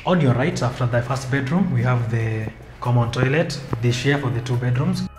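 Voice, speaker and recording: Young man touring an echoey empty flat. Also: mid-range voice, moderate pace. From Kenya. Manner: guiding, pointing out features as he walks. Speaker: house tour vlogger. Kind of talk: walking house tour guide. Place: empty apartment rooms, indoors. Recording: echoey empty rooms with music. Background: music bed under the voice.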